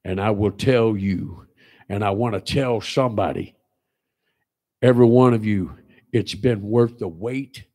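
In a small church sanctuary, a pastor in his sixties delivers an unhurried sermon indoors. He leans hard on repeated phrases, his voice swinging between loud and low.

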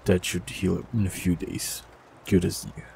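Speaking unhurriedly into a close mic, a man with a very deep, gravelly voice performs a scripted fantasy audio roleplay. He is calm and gentle with a soft teasing edge, over a faint hiss.

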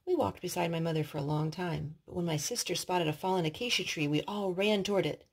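Reading aloud to her small children indoors in the family living room, this mother talks quickly in a lowish, husky voice with vocal fry. She explains things plainly, quizzes the kids as she goes, and sings with them in a sing-song storytime style.

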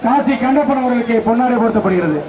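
A man with a Tamil Nadu accent making announcements over a loudspeaker at an outdoor bull-taming event. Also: extremely high pitch, animated, quick pace. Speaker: jallikattu announcer. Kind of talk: formal event announcements and commentary. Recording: distant echoey PA over crowd. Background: crowd.

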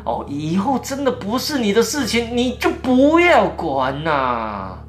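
A man playing a protective father scolding his reckless son, lecturing with drawn-out endings. His voice rises and falls a lot as he nags. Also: sits high, wildly swooping pitch, faint music behind, pitched above the performer's own voice, exaggerated voice.

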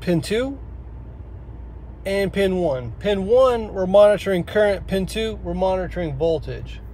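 A man's voice: high-pitched, expressive, unhurried, a little mellow, a little hiss or hum. A man in his thirties, an auto technician, explaining a repair step by step in a casual how-to voice from inside a parked car, recorded on a phone held close.

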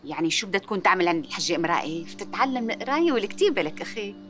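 An actress playing a placating Syrian aunt who sweet-talks her brother and niece, speaking softly with a Syrian Arabic accent. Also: mid-range voice, sing-song, very fast, soft background music. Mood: coaxing. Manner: placating, soft-spoken, coaxing. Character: soothing, coaxing aunt and sister, sweet-talking. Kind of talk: TV drama acting.

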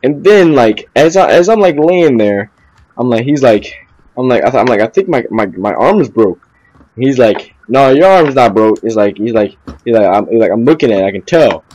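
A man's voice: medium pitch, expressive, moderate pace, darkish tone, rough recording. A young man telling a rambling story in casual chat, repeating "I'm like" and laughing at himself. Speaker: podcast co-host.

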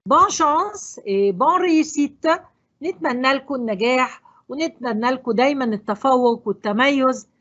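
Lively, breathy Egyptian woman teacher. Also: high voice, lo-fi sound. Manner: explains in French with quick Egyptian Arabic asides. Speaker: French teacher. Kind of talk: exam review lesson.

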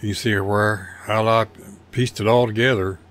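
A man's voice: fairly low pitch, fairly even intonation, unhurried, a bit bright. An older man casually narrating his model car build over photos, rambling and folksy with a self-deprecating humor.

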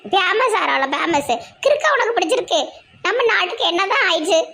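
A woman's voice: very high-pitched, animated, brisk, gravelly, sharp tone, exaggerated voice. Woman playing a wailing old grandmother with a Tirunelveli accent. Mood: scolding. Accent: Tirunelveli Tamil. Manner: wailing, scolding, melodramatic. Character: self-pitying old grandmother, bedridden and dramatic. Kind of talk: comedy skit acting.

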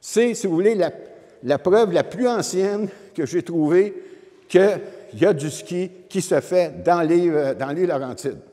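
With a handheld mic in a wood-panelled lecture room, a Quebec French-accented man in his seventies gives an informal, explanatory history talk addressed directly to the audience. His high-pitched voice has lively intonation and a dark tone, and he speaks a little slowly. The sound reverberates like a hall.

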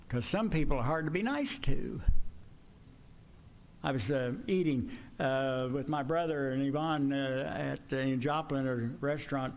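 An older man preaching a folksy, conversational sermon in a church sanctuary, his voice climbing when he presses a point. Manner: folksy, conversational, pitch swings up when emphatic. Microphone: stand mic at pulpit.

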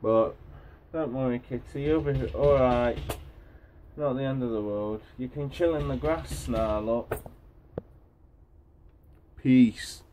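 A young man with a medium-pitched, mellow voice speaks slowly, pausing often, as he vlogs outdoors in gardens and allotments. He films on a phone at arm's length and rambles in a relaxed way, with slight background noise.

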